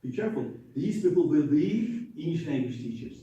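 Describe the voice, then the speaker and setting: A man gives an emphatic conference lecture. His high voice swings widely as he repeats words and sounds out examples. He is picked up from far off, with heavy echo from the hall. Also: very animated, normal speed, dark tone, dull audio. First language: Turkish. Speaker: conference presenter. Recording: echoey hall, distant mic.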